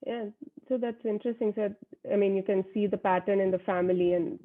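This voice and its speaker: A woman hosts an interview in a friendly way, asking questions and nodding along with short replies. Her voice is of middle pitch for a woman. It comes through a thin, phone-like line. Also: steady tone, brisk. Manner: friendly, brief affirmations. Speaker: host. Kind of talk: interview hosting.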